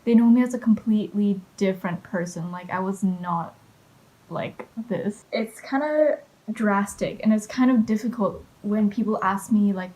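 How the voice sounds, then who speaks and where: A woman's voice: mid-range voice, normal speed, darkish tone, low-quality recording. A teenage woman, telling a personal story in a candid, chatty vlog full of fillers. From China, raised in Quebec and Ottawa. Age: teens. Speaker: vlogger.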